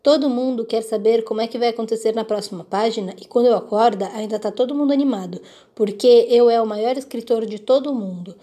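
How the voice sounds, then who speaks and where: A woman reading a children's book aloud in a lively, expressive way. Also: on the high side, fast. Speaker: reader.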